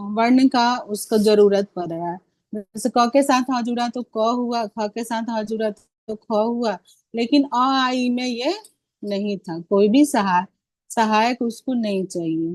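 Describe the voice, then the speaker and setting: A woman teaching fellow teachers over a video call, walking through each point patiently and stopping to ask rhetorical questions. Her voice sits a little high. The sound is close and dry, with no room around it. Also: dark tone, no echo. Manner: patient, explanatory, asks frequent rhetorical questions. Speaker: Hindi teacher training other teachers. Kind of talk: online teacher-training class.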